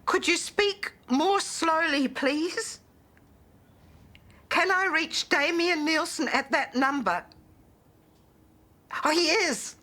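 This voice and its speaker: A slow, anxious mother. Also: very high-pitched, bright, forceful tone, exaggerated voice. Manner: strained, slow and emotional. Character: anxious middle-aged mother, overwhelmed and tearful. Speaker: mother reaching her son abroad. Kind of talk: television soap drama.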